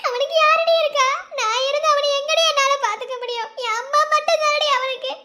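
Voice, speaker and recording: A woman's voice: extremely high pitch, brisk. A woman doing a desperate cartoon sibling, pleading. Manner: pleading, emotional. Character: desperate young adult sibling begging for a sister. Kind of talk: cartoon voice acting.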